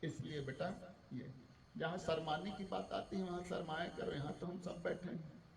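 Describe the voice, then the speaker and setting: Man, school yoga teacher, high voice, coaxing questions, distant mic. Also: fairly even intonation, normal speed, vocal fry. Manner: coaxing, asks students questions, calls them beta. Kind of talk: guiding a class through yoga exercises. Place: school room with students. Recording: echoey room, distant mic, faint background noise.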